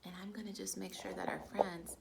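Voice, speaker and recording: In a very noisy recording, a woman speaks fairly quickly in a mid-range, gravelly voice with little pitch movement. As a yoga teacher hosting virtual storytime from home, she reads a picture book aloud and chats directly with young children as her friends.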